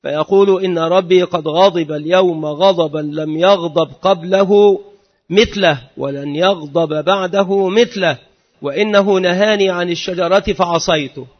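A man reading and explaining hadith aloud in a measured, formal recitation. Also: high-pitched. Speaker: religious teacher. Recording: dull lo-fi recording in a reverberant hall.

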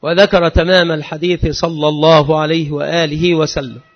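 A man reading and explaining hadith aloud in a measured, formal recitation. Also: fairly high pitch, little pitch movement. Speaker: religious teacher. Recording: dull lo-fi recording in a reverberant hall.

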